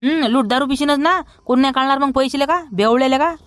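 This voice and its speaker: A man's voice: very high voice, no echo. A man with a Vidarbha Marathi accent playing a broke village man who scolds everyone in a rustic comedy sketch. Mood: scolding. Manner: scolding, rapid and loud.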